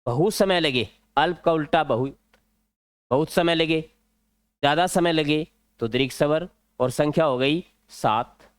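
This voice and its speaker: A man with a Rajasthani Hindi accent teaching an exam-prep grammar lesson, explaining slowly and repeating key words. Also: on the high side, clear, resonant tone, dry recording.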